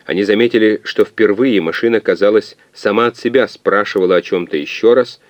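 A man narrating an audiobook in a steady, even reading voice. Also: lowish voice, a little fast, no room sound.

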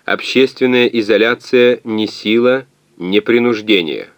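Monotone halting calculator machine, read by a man. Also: fairly low pitch, dry recording, pitched above the performer's own voice. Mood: flat, halting. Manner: monotone, clipped word-by-word delivery. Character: translating calculator machine speaking in halting fragments. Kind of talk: audiobook reading.

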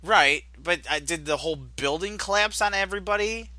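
A man's voice: high-pitched, a little fast, bright, forceful tone, no room sound. A man co-hosting a podcast, talking casually about a comic issue in a rambling way with sarcastic asides. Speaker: podcast co-host. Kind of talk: casual comic book discussion.

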